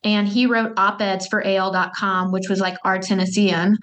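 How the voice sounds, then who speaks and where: A woman's voice: mid-range voice, level tone, a bit bright. A young woman from Alabama, a guest telling stories in a chatty way with many fillers. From Huntsville, Alabama. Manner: chatty storyteller, quick asides, many fillers. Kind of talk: casual interview chat.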